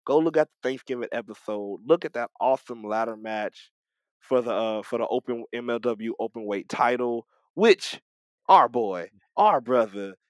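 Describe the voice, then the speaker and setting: A man co-hosts a podcast in loose, casual chat. His pitch moves a lot, and he often trips over words and restarts his sentences. His voice is recorded dry and close. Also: moderate pace, no echo. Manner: animated, stumbling restarts and repeated words. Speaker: podcast co-host. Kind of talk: casual wrestling talk.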